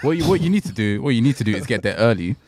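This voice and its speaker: A British man co-hosting a podcast, chatting casually and cutting in with quick questions. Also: medium pitch, very animated, a little mellow, no room sound, studio quality. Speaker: podcast co-host. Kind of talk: casual chat.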